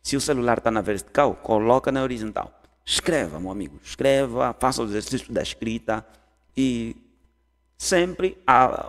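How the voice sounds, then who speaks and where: A man runs a relaxed English lesson, spelling out example sentences word by word and asking his viewers questions. His voice sits in a middle register. It trails off into a long room reverb. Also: medium pitch. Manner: repeats example sentences slowly, asks learners questions. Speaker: English teacher. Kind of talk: casual online language lesson.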